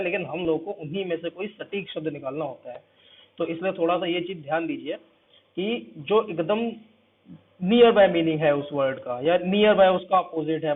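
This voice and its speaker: Tinny-sounding male vocabulary teacher. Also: on the high side. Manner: explains step by step, repeats each word and its meaning. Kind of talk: exam-prep vocabulary lecture.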